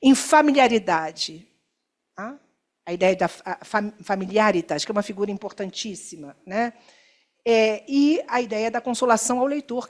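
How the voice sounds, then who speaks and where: Brazilian woman lecturing at a workshop, kinda high voice, lots of "né?" and restarts. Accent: Brazilian Portuguese. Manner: discursive, many fillers and self-corrections, asks listeners "né?"; slows to stress key terms. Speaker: academic speaker. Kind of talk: academic workshop talk. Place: lecture room.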